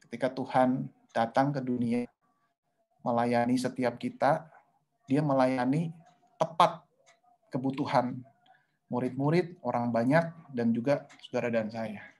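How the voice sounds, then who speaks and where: Indonesian pastor giving a conversational sermon. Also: male voice, medium pitch, a little mellow. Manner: conversational and repetitive, often adding "ya" and "gitu ya"; acts out quoted lines in a raised voice. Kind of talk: sermon-style talk in an online webinar.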